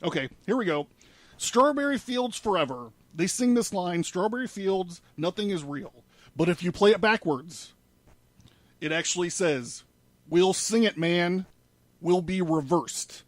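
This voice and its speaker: Laying out a conspiracy theory, this male presenter rambles informally and swears through a casual studio conversation as he makes his case. His voice runs high and expressive, his pace unhurried, in a dry recording.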